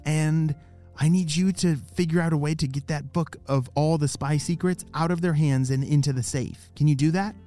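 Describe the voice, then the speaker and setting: A kids show host telling stories and addressing young listeners in a playful, exclamatory, animated way. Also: medium pitch, moderate pace, faint music behind. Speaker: kids' show host and storyteller. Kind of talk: animated children's storytelling and kids show hosting.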